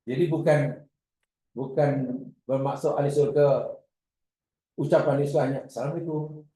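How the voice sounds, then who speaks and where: A man giving a religious class lecture, animated and acting out his examples. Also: a little high, normal speed. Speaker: religious teacher. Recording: echoey room.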